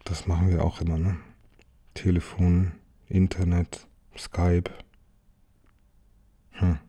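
A man with a low, mellow, husky voice reads a children's picture book aloud. He keeps it gentle and unhurried, and now and then he adds a small aside to whoever is listening. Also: completely flat delivery. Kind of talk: reading a children's story aloud.

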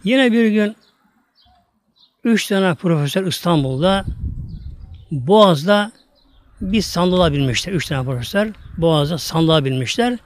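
High-voiced emphatic male preacher. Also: animated. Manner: emphatic, draws out Arabic verses slowly; addresses congregation repeatedly. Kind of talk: sermon with storytelling.

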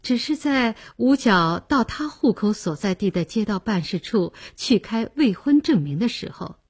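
Brief: female audiobook narrator, husky, expressive, lively melody. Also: on the high side, moderate pace. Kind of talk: scripted novel narration.

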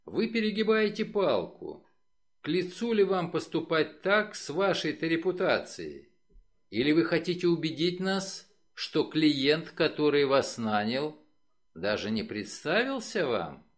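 A man reading an audiobook, voicing a sharp, reproachful female detective in a raised voice. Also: medium pitch, big pitch swings, slow.

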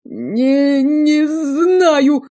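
A woman voicing a whiny, cowardly young nobleman from a fantasy audiobook, whining in shrill protests. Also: measured pace, dark tone, close to an everyday voice.

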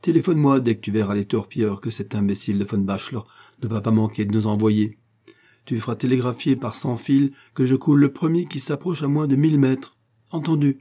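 A man voicing a suave, cunning gentleman-thief baron with a smooth, commanding and ironic manner in an audiobook reading. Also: medium pitch, steady tone, brisk, close to an everyday voice.

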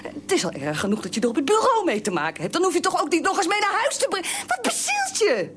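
An actress playing a fierce, nagging middle-aged wife who scolds shrilly and repeats herself in a radio drama. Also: female voice, very high-pitched, wildly swooping pitch, rapid-fire, slight background noise, full character voice. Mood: angry scolding.

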